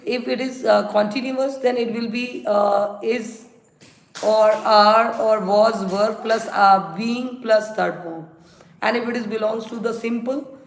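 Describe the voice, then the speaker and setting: Female teacher, Indian accent, live-stream lesson. High, gravelly edge, instructive and repetitive delivery, echoey room. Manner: instructive, repeats examples and rules. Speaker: English grammar teacher. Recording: roomy echo, faint noise and clicks.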